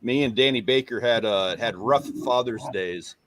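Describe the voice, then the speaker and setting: A man's voice: medium pitch, normal speed, fairly bright tone. A man co-hosting a casual fishing livestream, rambling and self-deprecating as he greets viewers by name. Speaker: livestream co-host. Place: home on Padre Island.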